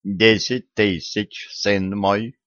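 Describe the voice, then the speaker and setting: A man voicing an elderly patriarch who speaks slowly in a measured, fatherly manner. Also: on the low side, dry recording, lightly acted. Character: elderly male patriarch, calm, dignified, shrewd. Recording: dry, dull lo-fi audio.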